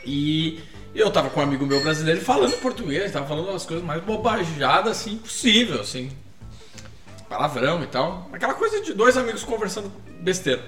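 A man co-hosting a podcast, sharing reflective anecdotes with pauses and hesitations. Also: on the high side, sing-song, a bit bright, reverberant, far from the mic, soft background music. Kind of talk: casual podcast chat.

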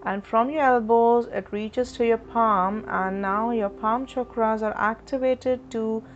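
A woman leading a guided chakra meditation in a slow, soothing, instructive way. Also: on the high side, fairly even intonation. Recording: dull lo-fi recording with soft music.

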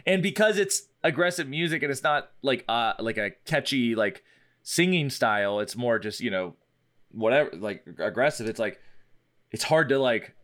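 A man's voice: mid-range voice, animated, normal speed, a bit bright. A man co-hosting a casual podcast about an album, talking loosely with lots of fillers, laughs and swearing. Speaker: podcast co-host. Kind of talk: casual chat reviewing an album.

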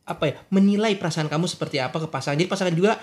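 A man in his thirties who works as a coach, talking reflectively in a casual podcast conversation and pausing to search for words. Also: fairly high pitch.

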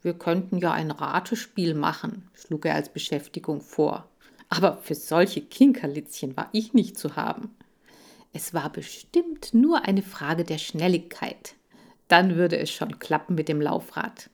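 Slow, low-voiced woman reading a storybook. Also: creaky. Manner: lively, playful reading. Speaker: audiobook reader. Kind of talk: expressive storybook narration.

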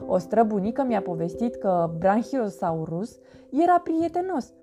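A woman's voice: medium pitch, close to an everyday voice. A woman playing a bouncy little boy earthworm. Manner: lively, playful, animated storytelling. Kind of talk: storybook narration in character. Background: background music.

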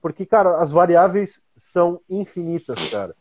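A man's voice: sits high, very animated, moderate pace, darkish tone. A man from Brazil, chatting casually on a podcast in an emphatic, blunt, slangy way. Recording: dull mic with faint hiss.

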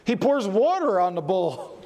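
A pastor preaching a sermon, asking his congregation questions and varying his pace and loudness for emphasis. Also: high voice, very animated, measured pace. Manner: asks the congregation questions and answers them.

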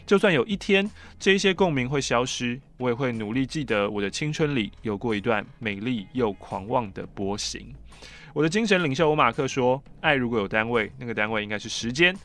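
A man's voice: medium pitch, expressive, a little fast, a bit bright. A man co-host with a Taiwanese Mandarin accent, chatting casually and dropping dry, teasing asides. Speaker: podcast co-host. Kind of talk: casual chat.

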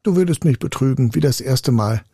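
A man voicing a fearless, quick-witted young woodcutter's son in a storybook reading, in a raised, gravelly voice. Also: medium pitch, no echo, studio quality. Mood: firm. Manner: quick, lively, unafraid.

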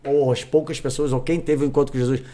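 A young adult man with a Brazilian Portuguese accent, telling a personal story as a podcast guest in casual chat, animated and repeating phrases for emphasis. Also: mid-range voice, quick pace.

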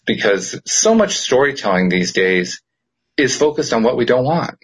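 A middle-aged host and producer chats casually, telling stories emphatically and with animation while laughing often. His mid-range voice is slightly rough, he speaks at a normal speed, and the audio quality is poor.

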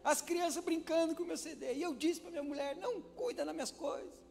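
A pastor preaching a sermon in a church, swinging from hushed asides to loud, dramatic shouts. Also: male voice, extremely high pitch, steady tone, a little fast, vocal fry. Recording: hall reverb with faint music.

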